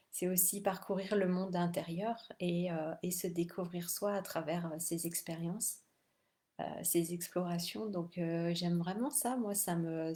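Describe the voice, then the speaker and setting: Mellow, low-voiced woman hosting a live stream. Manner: halting, thoughtful, with frequent pauses. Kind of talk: casual live-stream talk.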